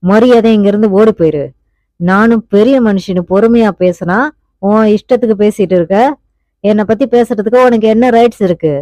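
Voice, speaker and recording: A woman's voice: medium pitch, moderate pace, mellow, no room sound, natural voice. A woman voicing a desperate young husband. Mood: commanding, angry. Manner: pleading then commanding. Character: anguished young husband, fierce when roused. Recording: dull, muffled audiobook recording.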